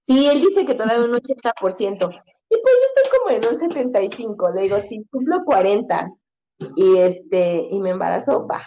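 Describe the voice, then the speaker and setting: A woman in her thirties talks as a podcast guest in an easy, rambling way, full of fillers and quoted asides. Her voice is mellow and warm. The recording sounds dull and lo-fi. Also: mid-range voice, sing-song, moderate pace. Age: 30s. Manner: chatty, many fillers, acts out quotes in a raised voice. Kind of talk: casual conversation.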